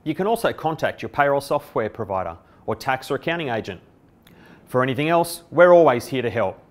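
This company presenter, a middle-aged Australian man, reads a scripted explainer to camera with a medium-pitched, sing-song, brisk voice. He's recorded on a lapel mic in an indoor office near a window.

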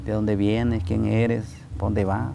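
Gravelly Salvadoran man, halting speech. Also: lowish voice, little pitch movement, background noise. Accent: Salvadoran Spanish. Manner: halting, plainspoken, many fillers and restarts. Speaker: migrant worker. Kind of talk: documentary interview testimony. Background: music.

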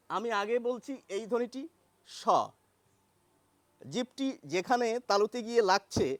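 High-voiced man teaching pronunciation. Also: dry recording. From Bengal. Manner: slow and deliberate, repeating sounds to demonstrate. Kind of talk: explanatory lesson.

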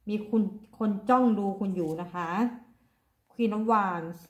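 A woman's voice: mid-range voice, slow pace, lo-fi sound. Middle-aged female tarot reader, chatty and repetitive, phone-recorded, roomy echo. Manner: chatty, repeats herself, warm-hearted pleas to viewers. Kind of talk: casual tarot reading to viewers. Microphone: phone front camera.

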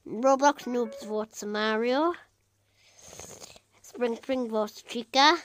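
A woman's voice: on the high side, extremely slow. A woman hosting a homemade reality-show game, reading out votes and results one after another in casual commentary. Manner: reads out results in a running list. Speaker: host narrating a simulated reality show.

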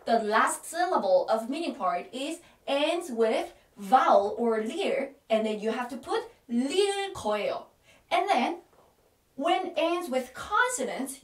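A woman with a Korean accent teaching a language lesson, patiently repeating words slowly and often checking in with "Okay?". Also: high voice, roomy sound, distant mic.

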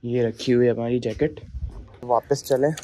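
A young man from Pakistan with a Karachi Urdu accent, giving excited casual vlog commentary while walking around an outdoor cattle show. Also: mid-range voice, normal speed, a little hiss or hum. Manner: excited, exclaiming over animals. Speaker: vlogger.

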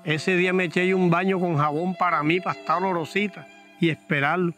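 A man's voice: fairly even intonation, brisk, pushed and bright, soft background music. A man doing a sad older countrywoman. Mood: mournful. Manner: plain rural speech, higher pitched.

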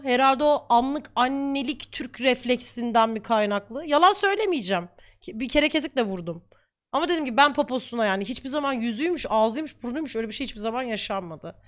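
High-voiced young woman ranting casually. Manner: heated, ranting, talks to viewers. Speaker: streamer. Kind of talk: casual chat.

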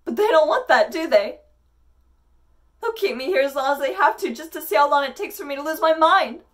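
A young woman performs a desperate, paranoid asylum inmate in a dramatic monologue. Her voice is high, with halting, intense pleas, heard at some distance from the microphone. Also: lively intonation. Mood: paranoid, agitated. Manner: halting, intense, pleading delivery. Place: indoors against a plain wall. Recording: voice distant from the mic.

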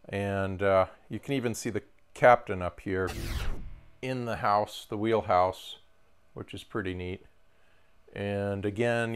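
A man's voice: fairly low pitch, smooth. A man in his forties, an antique toy dealer, walking through toy ships in a casual, enthusiastic way, with fillers. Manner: chatty, enthusiastic, many fillers. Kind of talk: casual product walkthrough. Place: indoor showroom with glass display cases.

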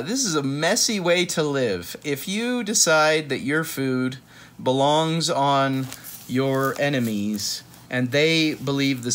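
A read-aloud host in his thirties, with a mid-range, fairly bright voice, chats playfully through a children's picture book from a couch in a small room at home, often drifting off into asides.

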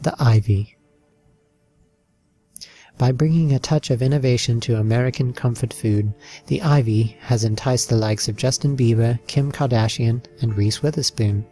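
A man narrating a slideshow in an even, listing read with the odd slip. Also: mid-range voice, moderate pace, soft background music.

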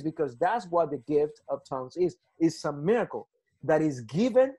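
His voice sits high and a little mellow: an Ecuadorian man with a Spanish accent leading a Bible class by video call. Earnest and repetitive, he frequently restarts and checks understanding with "right?"

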